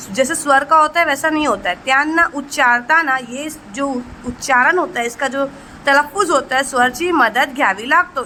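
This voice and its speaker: Her voice high and sharp, a woman teacher runs an exam-prep lesson, answering her own rhetorical questions and explaining with Marathi terms mixed in. She lovingly calls the students children. The recording is rough, with slight hiss or hum.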